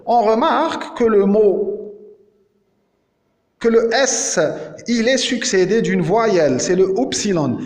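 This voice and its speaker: A man with an Algerian French accent giving a slow, deliberate pronunciation lesson as a teacher, repeating each word several times. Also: high voice, a little mellow. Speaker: language teacher. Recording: echoey hall with long reverb.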